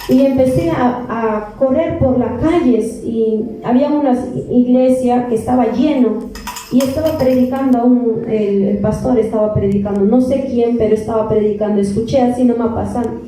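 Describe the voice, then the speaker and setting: A woman's voice: a little high, normal speed, mellow, a little hiss or hum. A woman with a Peruvian accent giving an earnest testimony to a church congregation, repeating words as she goes. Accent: Peruvian Spanish. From Peru. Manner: earnest, repeats words, addresses listeners as beloved brethren. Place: church hall. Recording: echoey church from far off.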